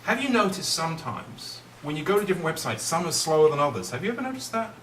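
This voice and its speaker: This middle-aged man entertains at a children's party as a magician, talking fast in a sing-song, fairly bright, higher-pitched voice. He keeps the young crowd engaged with playful questions, picked up from afar in a roomy space with faint noise.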